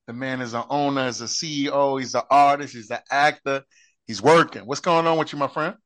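A man's voice: medium pitch, a bit bright, no echo. A male podcast host, chatting in a friendly, slangy way. His voice is recorded dry and close, with no room sound. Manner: friendly, slangy, quick affirmations. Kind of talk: casual interview.

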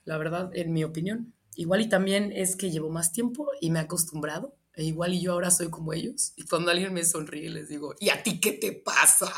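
A young Mexican woman who grew up in Michoacán, answering interview questions and telling stories with lively, acted-out quotes. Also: on the low side, brisk. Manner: animated storytelling, acts out quoted lines.

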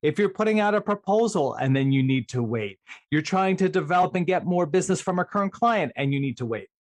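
A man's voice: high-pitched, expressive, a little fast. A man chatting casually as a guest coach in a podcast interview.

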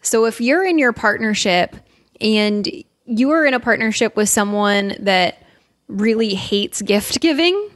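A woman's voice: medium pitch, animated, a little slow, no echo, clean studio sound. A young woman co-hosting a podcast, talking casually and giving earnest advice. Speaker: podcast co-host. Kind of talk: casual chat.

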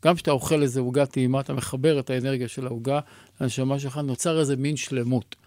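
Male rabbi guest, measured teacher's delivery, dry close studio voice. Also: mid-range voice, steady tone, darkish tone, dry recording. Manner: measured, teacherly, asks rhetorical questions. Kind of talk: explaining Kabbalah teachings.

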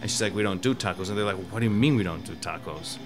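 A man originally from Mexico races along in a lowish voice as music plays behind him. Appearing as a guest, he rambles casually about cooking and food, with frequent restarts and filler words.

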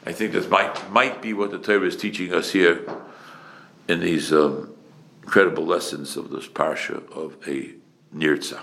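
The rabbi here has a low, fairly bright voice with vocal fry, keeping a steady tone and a moderate pace. He gives a Torah lecture as a sermon before a live audience, speaking emphatically, using rhetorical questions and repeated phrases, and weaving in Hebrew and Yiddish, in an echoey room.

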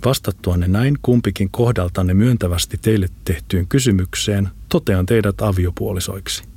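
A man's voice: sits low, warm tone, breathy edge. A man voicing a formal male judge conducting a ceremony. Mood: solemn. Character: formal middle-aged male judge officiating.

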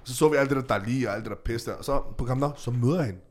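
A young man with a Danish accent, co-hosting a podcast, telling stories in a lively, swearing way and acting out voices. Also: medium pitch, slight background noise. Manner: animated, swearing, acts out voices in English. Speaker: podcast co-host. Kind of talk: casual storytelling chat.

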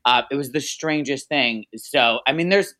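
A man's voice: medium pitch, moderate pace, sharp tone. A man from New Jersey, a casting director hosting an interview, chatting in a rambling, casual way.

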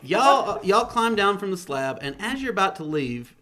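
A man's voice: high voice, very animated, normal speed, bright, forceful tone. A man narrating a tabletop game as game master. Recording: group chatter behind.

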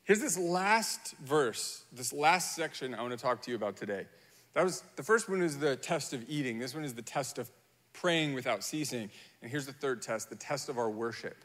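A man preaching a sermon in a lively storytelling manner, acting out the people of a Bible story in their own voices. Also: mid-range voice, moderate pace, long reverb tail. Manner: animated storytelling, acting out Bible figures in quotes. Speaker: pastor.

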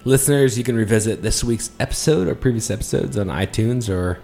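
A man's voice: mid-range voice, brisk, creaky, dark tone. A man hosting a food podcast, laid-back and upbeat. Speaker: podcast host. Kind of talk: casual podcast chat.

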